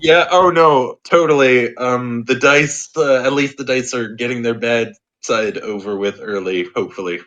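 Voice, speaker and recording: A man playing a tabletop role-playing game in casual chat, halting and thinking aloud as he goes. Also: mid-range voice, fairly bright tone, poor audio. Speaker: tabletop RPG player.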